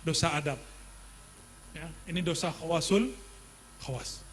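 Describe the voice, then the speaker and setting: A middle-aged man delivers a sermon in a high, light voice. He talks in a relaxed, conversational way, putting questions to his listeners and slipping in jokes as he teaches. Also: unhurried, a little hiss or hum. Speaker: Islamic preacher teaching a classical text.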